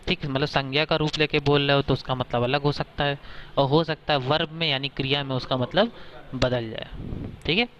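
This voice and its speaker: A male teacher explaining a lesson to his class, often pausing to ask whether students understood and inviting their questions. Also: medium pitch, fairly even intonation, fairly bright tone, highs cut off, slight background noise. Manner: keeps checking understanding with short questions.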